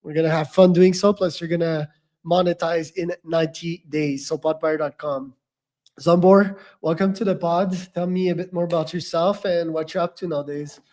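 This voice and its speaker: A man hosting a podcast, giving brisk introductions and questions. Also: fairly high pitch, steady tone, a little mellow. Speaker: podcast host. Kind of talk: interview hosting.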